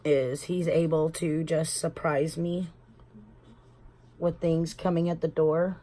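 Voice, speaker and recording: Texan lady doing her makeup at home, kinda low voice, chatty and rambly, says y'all. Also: flat delivery, takes it slowly, mellow. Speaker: beauty vlogger. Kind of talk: casual makeup tutorial chat.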